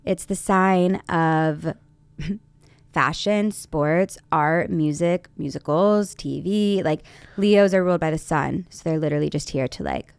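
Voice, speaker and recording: A woman's voice: deep voice, slow, vocal fry, smooth, no room sound. A woman hosting an astrology chat show, talking in a bubbly, upbeat way full of "like". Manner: bubbly, upbeat, filler-heavy. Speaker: astrologer podcast host. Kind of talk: casual interview chat.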